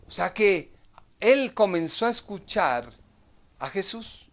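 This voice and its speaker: A man's voice: sits high, big pitch swings, slow pace, fairly bright tone. A man teaching a Bible study in a preaching style. He speaks emphatically, repeats phrases and asks rhetorical questions.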